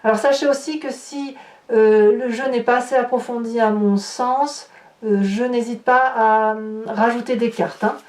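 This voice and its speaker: A woman tarot reader with a fairly high voice talks her way through a spread, musing and hesitant and posing rhetorical questions to the viewer. She sits some way from the mic, and the room around her rings with reverb. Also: steady tone, unhurried, a little mellow. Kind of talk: tarot reading to camera. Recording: roomy, distant mic.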